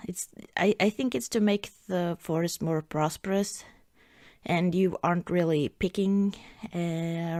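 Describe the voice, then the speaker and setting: A woman with a Norwegian accent plays a cheerful, affectionate girlfriend in an ASMR roleplay, soft-spoken, chatty and a little hesitant. Her pitch is fairly low, with a bit of hiss or hum in the audio.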